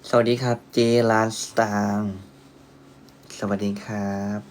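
A man hosting a live-selling stream, chatting casually in a calm, soft-spoken way and reading out viewer comments. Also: lowish voice, a little slow, slight background noise.

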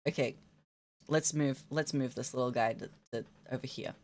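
Drawing on a live stream, a young woman talks to her chat in a giggly, gushing, casual way. She has a rumbling low voice with a somewhat dark tone.

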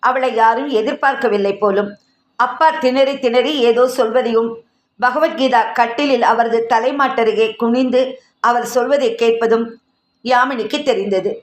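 Woman reading a story out loud, kinda high voice, echoey room. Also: steady tone, unhurried. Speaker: narrator. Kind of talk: storybook narration. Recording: roomy echo.

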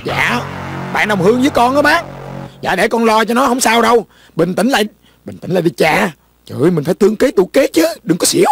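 A scoffing accomplice, high gravelly voice, comedy sketch. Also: male voice, lively intonation, a bit bright, a little hiss or hum, full character voice. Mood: smooth-talking. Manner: scoffing, quick-witted. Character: suspicious young male accomplice. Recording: faint music behind.

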